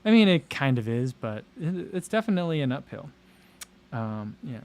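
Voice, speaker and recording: A man's voice: mid-range voice, big pitch swings, normal speed, darkish tone, a little hiss or hum. A man hosting a casual livestream, reading viewer comments aloud and rambling with fillers and frequent laughs. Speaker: running channel host. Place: home livestream.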